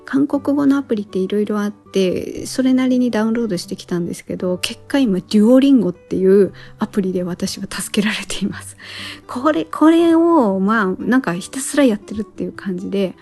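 Woman podcast host, relaxed chatty solo talk, lots of little pauses, soft music low behind her. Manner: relaxed and chatty, thinks aloud with many pauses.

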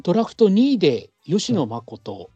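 A man with a mellow, warm voice that moves in a lively way as he shares facts on a casual podcast. He reads out lists and details in a steady, informative manner. The mic is dry and close, with faint music underneath. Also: high voice, measured pace, husky, dry recording, lo-fi sound. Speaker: podcast co-host, researcher of stats. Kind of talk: casual baseball chat.

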